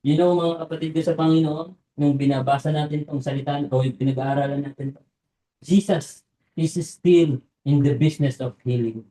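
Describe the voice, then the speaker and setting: Filipino preacher in an echoey hall. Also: male voice, a little high, steady tone, dark tone. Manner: switches between Tagalog and English, slows for emphasis. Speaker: pastor. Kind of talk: sermon.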